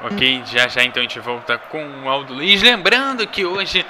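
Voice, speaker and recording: A man's voice: mid-range voice, normal speed, sharp tone, a little hiss or hum. A Brazilian man anchoring a sports broadcast with live announcements between play.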